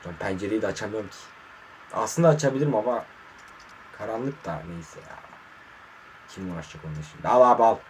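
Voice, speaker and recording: A man commentating his own mobile football match, muttering in frustration and breaking into sudden excited outbursts, hot and sweating in a warm room. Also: lowish voice, quick pace, long pauses, a little hiss or hum. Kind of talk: casual live gameplay commentary.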